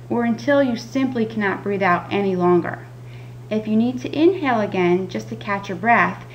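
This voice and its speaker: A woman delivers scripted instructional narration as a patient educator. Her voice sits at a medium pitch. Faint noise and a hum sit behind her. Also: highs cut off. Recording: audible background noise with hum.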